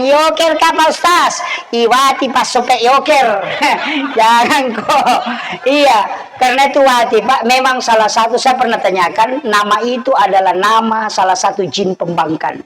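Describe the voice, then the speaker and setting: A man's voice: high-pitched, background noise. A man with a Bugis accent preaching a humorous sermon at an evening gathering, teasing the audience and acting out scolding parents.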